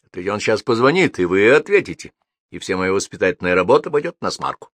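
A man as a calm, ironic police colonel. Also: lowish voice, fast talker, no echo. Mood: firm. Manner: calm, firm, dryly ironic.

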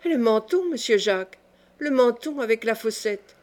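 A woman voicing a kindly older male shopkeeper who talks slowly and fumbles for his words, in an audiobook. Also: on the high side, animated, a little mellow, lightly acted. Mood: fond.

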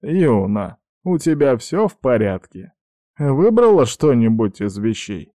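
A man voicing a stern, doting old grandfather who heads a clan, speaking slowly, heavily and commandingly. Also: medium pitch, very animated, mellow, dry recording. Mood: worried. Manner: slow, heavy and commanding.

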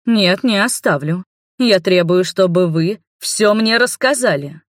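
A woman's voice: on the low side, moderate pace, dry recording, studio quality, lightly acted. A woman voicing an imperious noble mother who insists on answers in a commanding tone. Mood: insistent.

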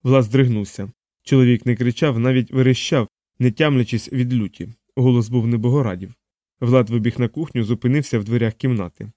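A man narrates an audiobook in a steady, even storytelling manner, at a middle pitch for a man. The recording is dry and close, with no room echo. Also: a little fast. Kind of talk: scripted narration.

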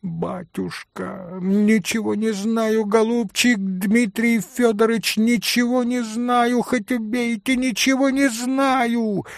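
A man reading an audiobook, voicing a terrified young maid in a high, tearful, pleading voice. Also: lively intonation, slow, no room sound, studio quality, full character voice.

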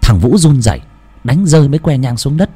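A man's voice: mid-range voice, animated, a little fast, dark tone, breathy edge. A man narrating a ghost story in a dramatic, suspenseful way.

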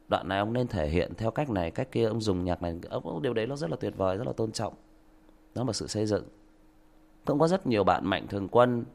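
An audiobook livestream host with a mid-range voice and vocal fry lectures a rude commenter, using mock politeness and emphatic rhetorical questions.

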